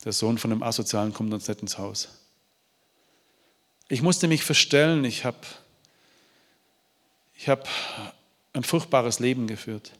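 In a reverberant hall, a male preacher offers emotional testimony at a measured pace, pausing often, his voice medium in pitch. He sounds heartfelt and pleading, frequently starting over and stammering through repeats.

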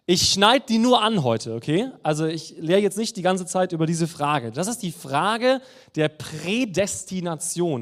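A man teaching a congregation about theology in a sermon style, explaining with rhetorical questions. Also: high-pitched.

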